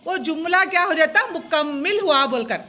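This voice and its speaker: This woman's voice is extremely high, pushed and bright, with lively intonation at a normal speed. Teaching young pupils in a classroom, she fires off questions, gets the class to repeat terms, and blends English vocabulary into her lesson.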